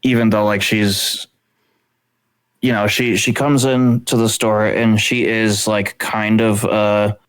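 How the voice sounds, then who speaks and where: Man, lowish voice, podcast co-host, casual book chat, rambling, easy laugher. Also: level tone, slow, clear, resonant tone. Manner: rambling, laughs easily, lots of fillers.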